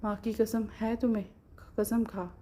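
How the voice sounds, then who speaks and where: A pushy young man presses and threatens in a storybook tale, as a woman reads him. His voice is mellow and flat. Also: on the high side, a little slow, a little hiss or hum, natural voice. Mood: insistent. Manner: insistent.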